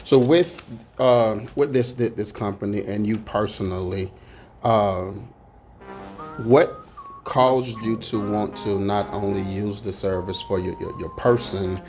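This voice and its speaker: A male radio host with a low, gravelly voice asks his guest halting questions, pausing on "uh" as he goes. Soft music sits faintly in the background. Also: steady tone. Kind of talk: interviewing.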